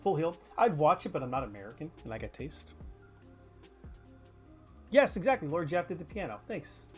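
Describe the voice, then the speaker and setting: Brief: male streamer, slightly high voice, loose jokey banter, drops the odd swear. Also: big pitch swings, normal speed, faint music behind. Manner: chatty and joking, answers chat, swears casually. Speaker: gaming streamer. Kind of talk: casual live gameplay chatter.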